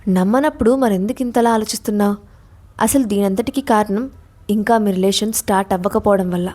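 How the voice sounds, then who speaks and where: A woman plays a nervous young friend in a storybook audio drama, pleading and coaxing in a soft, urgent way. The pitch is plain middle. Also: fairly quick, lightly acted. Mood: anxious. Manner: pleading, soothing.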